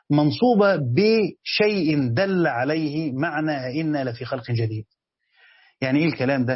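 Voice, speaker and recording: A man's voice: on the high side, slightly rough, dry recording, highs cut off. A man with an Egyptian accent giving a religious commentary lesson, reading passages and then explaining them in everyday speech. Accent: Egyptian Arabic. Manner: reads text aloud then explains it in colloquial speech. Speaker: teacher giving a tafsir commentary.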